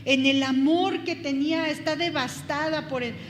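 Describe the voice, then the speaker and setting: Bible class teacher, woman, high voice, rambling with restarts, hall echo. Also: fairly even intonation, normal speed, a little hiss or hum. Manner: thinking aloud, many fillers and restarts. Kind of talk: Bible study lecture.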